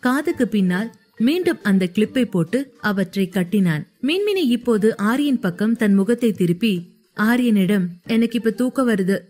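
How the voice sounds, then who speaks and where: A woman reading a romance story aloud in steady scripted narration. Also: mid-range voice, normal speed.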